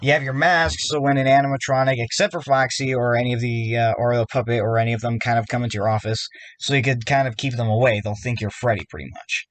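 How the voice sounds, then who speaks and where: A man's voice: medium pitch, little pitch movement, fast, hardly any pauses. Frustrated man ranting about a game. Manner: rambling, fillers, frustrated. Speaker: YouTuber. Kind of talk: video game rant.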